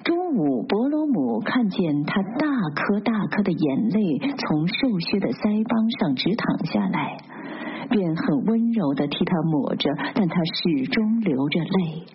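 A woman narrating a literary novel aloud in a steady, measured storytelling manner. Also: fairly low pitch, a little hiss or hum. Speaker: audiobook narrator. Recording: dull lo-fi recording.

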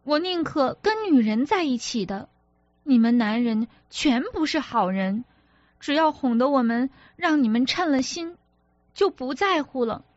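A woman's voice: high voice, expressive, a little slow, no room sound, lo-fi sound, pitched above the performer's own voice. A woman reader voicing a petulant, jealous young wife who talks in a reproachful, sulky way, as an audiobook character. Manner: reproachful, sulky, sharp-tongued.

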